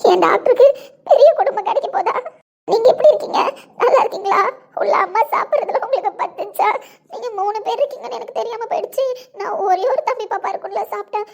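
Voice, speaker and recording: A woman playing an emotional young pregnant woman who laughs and talks rapidly in a home video drama. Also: extremely high pitch, vocal fry. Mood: overjoyed tearful.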